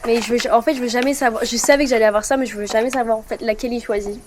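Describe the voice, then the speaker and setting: A woman's voice: fairly high pitch, fairly even intonation, racing, a little hiss or hum. A woman of twenty chatting casually and rambling in a bubbly way as she films her own vlog. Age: 20s. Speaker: vlogger.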